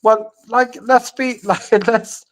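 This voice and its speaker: A man on a live video panel who talks haltingly with many pauses and uhs. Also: very high voice, fairly even intonation.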